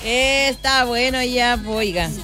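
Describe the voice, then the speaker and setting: A woman's voice: fairly high pitch, unhurried. A Chilean woman hosting live radio with announcements and casual chat, in a playful, teasing, colloquial way. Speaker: radio host. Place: radio studio. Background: loud music.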